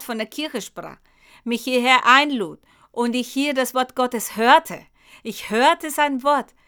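Female preacher, slightly high and crisp, slow deliberate sermon delivery. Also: sharp tone. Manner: slow, emphatic Bible exposition addressing the congregation. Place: church.

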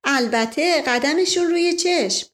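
Brief: woman playing a courteous housewife, higher pitched, storybook. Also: a bit bright. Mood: eager. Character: hospitable housewife, eager to please.

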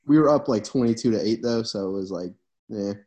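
A man's voice: on the low side, brisk, darkish tone. A young man, a college baseball player, casually telling stories on a podcast he hosts. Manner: laid-back storytelling. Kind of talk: casual chat.

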